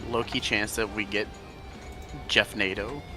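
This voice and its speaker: A man's voice: lowish voice, unhurried. A young man talking casually with a teammate during a game, loose and full of filler words. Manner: relaxed, many filler words. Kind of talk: casual gaming chat. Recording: game music under voice.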